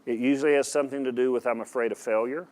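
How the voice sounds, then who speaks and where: With a steady, darkish tone at a typical male middle pitch, a pastor gives an emphatic, direct sermon. He stops to question his audience and repeats words to drive his points home.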